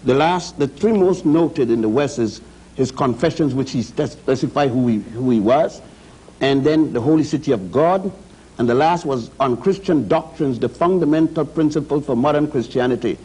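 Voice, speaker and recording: Man from Puerto Rico, TV guest historian, mellow, husky, emphatic lecture delivery. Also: mid-range voice, normal speed, poor audio. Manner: emphatic lecturing, spells out words. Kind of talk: TV studio discussion. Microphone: studio mic.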